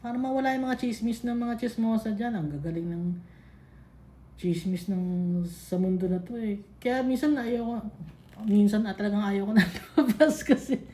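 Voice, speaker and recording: A woman's voice: mid-range voice, normal speed, warm tone, a little hiss or hum. A woman teaching a casual Bible study in mixed Tagalog and English, chatty and scolding, laughing often. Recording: echoey room.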